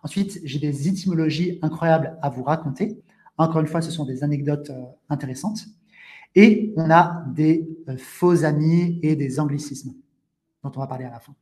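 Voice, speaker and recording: A man hosting a live online language webinar, explaining things slowly with frequent restatements and talking to viewers in the chat. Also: fairly high pitch, warm tone. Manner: interactive, addresses viewers in the chat. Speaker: French teacher hosting a webinar.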